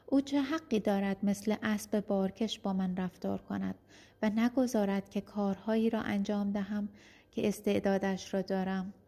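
A woman's voice: mid-range voice, warm tone, natural voice. A woman voicing a bitter, defiant young enslaved man. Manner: angry, bitter protest.

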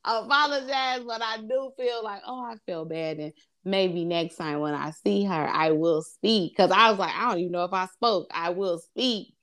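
A woman's voice: fairly low pitch, normal speed. A woman in casual conversation, talking reflectively and acting out her own past words. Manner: reflective, animated when quoting herself, laughs often.

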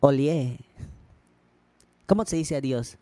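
A man's voice: on the high side, sing-song, moderate pace. A man co-hosting a show, teasing his co-host in playful, joking banter. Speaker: radio co-host.

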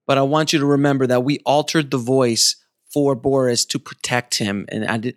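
A man's voice: medium pitch, no room sound. Effusive male podcast host, close and dry. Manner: effusive, emphatic. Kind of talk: casual podcast talk.

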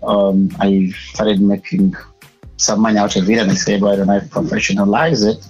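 A young man with a Ugandan English accent talks about his path into media in a casual interview. His voice sits low and has a husky edge. He pauses often and fills the gaps with "uh". The sound is dull and muffled. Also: flat delivery, a little mellow, faint music behind. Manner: hesitant, many filler sounds. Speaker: guest, media personality and public speaker.

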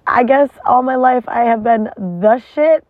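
Recorded dry and tinny, as if on a phone, a woman vlogger talks from inside a parked car. Her pitch is on the high side and her pace a little slow as she delivers a casual, rambling, emotional confession with lots of swearing.

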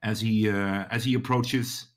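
A man narrating a tabletop game as game master, halting and restarting often as he describes the scene. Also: on the low side, fairly even intonation. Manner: halting, many fillers and restarts.

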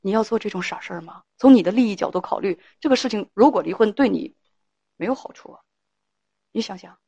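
A woman's voice: mid-range voice, lively intonation, fast talker, vocal fry, dark tone, breathy edge, no room sound, highs cut off. A woman hosting a call-in advice show, lecturing a caller with pointed rhetorical questions.

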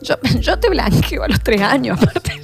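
A woman with a Rioplatense accent co-hosting a comic radio show, animated and laughing as she acts out listener messages. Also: a little high, normal speed, vocal fry, faint music behind. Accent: Rioplatense Spanish. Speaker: radio co-host.

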